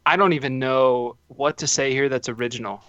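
A man's voice: mid-range voice, brisk, fairly bright tone, no echo. A man hosting a casual football podcast, telling rambling anecdotes full of restarts. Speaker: podcast host. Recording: dull, dry lo-fi recording.

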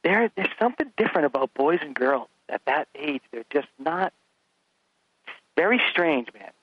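Animated dad on a phone line. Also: male voice, fairly high pitch, normal speed, slightly rough, no room sound. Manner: animated storyteller acting out his kids and himself. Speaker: podcast guest. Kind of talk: casual chat.

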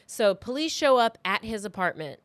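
With no room sound, a woman in her thirties relates a true crime story for her podcast at a moderate pace, her mid-range voice sing-song. She talks informally and loosely, acting out the things people said.

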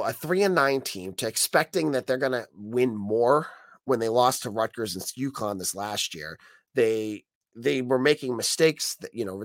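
Hoarse and croaky from being sick, an American man hosts a solo sports podcast, sounding like he has a frog in his throat. His commentary is opinionated and conversational, delivered at medium pitch with a slightly bright edge. There's no room sound.

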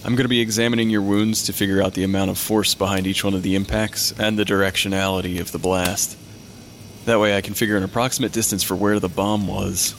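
A man's voice: on the low side, level tone, fast, a little hiss or hum, lightly acted. A man playing a weary, matter-of-fact medical examiner who talks to ghosts in an audio drama. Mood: focused. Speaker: pathologist.

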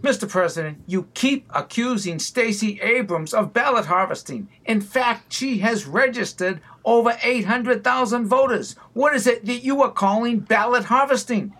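Performer playing male reporter, Boston accent, eager, comedy sketch, mid-pitched voice. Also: normal speed, few pauses, fairly bright tone, natural voice. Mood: earnest, probing. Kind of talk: comedy sketch press conference.

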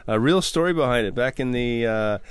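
A man's voice: medium pitch, animated, brisk, smooth, no room sound. An older man hosting a radio talk show, chatty and laughing often, with many ums and uhs. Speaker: radio show host and sommelier. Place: radio studio.

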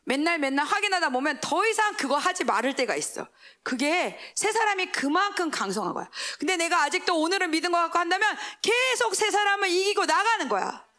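Animated, high-pitched woman preaching a sermon. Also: a little fast. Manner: animated, asks the congregation questions and answers them; swings between raised exclamations and hushed whispered asides.

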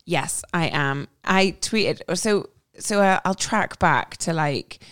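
Chatty woman with a smooth voice. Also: fairly low pitch, slow pace, fairly bright tone, no room sound, studio quality. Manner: chatty, self-interrupting, laughs while talking. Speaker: podcast panelist. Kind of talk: casual football podcast chat.

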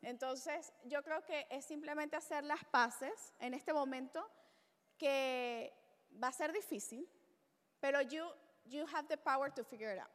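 A woman hosting a live podcast, chatting lively and slipping English into her Spanish. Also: high-pitched, a little slow. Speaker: podcast host. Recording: reverberant live venue.

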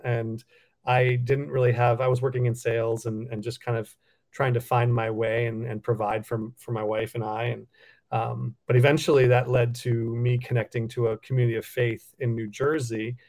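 Flat-toned reflective man from Cameroon. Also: mid-range voice. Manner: reflective, many ums and restarts. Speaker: nonprofit CEO, podcast guest. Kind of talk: casual interview answers.

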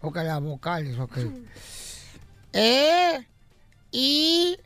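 A lively male radio host rattles off jokes. His pitch swings widely as he acts out each character's voice, with faint music underneath. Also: drawn-out words, dry recording. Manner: animated, acts out joke characters with shifting voices. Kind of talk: telling jokes on a radio show.

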